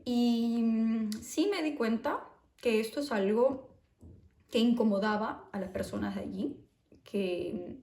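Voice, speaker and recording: A woman from Peru with a Peruvian Spanish accent speaks slowly in a warm, fairly high voice, recorded in an echoey room. In her casual personal vlog she is chatty and reflective, often tagging her phrases with "¿no?".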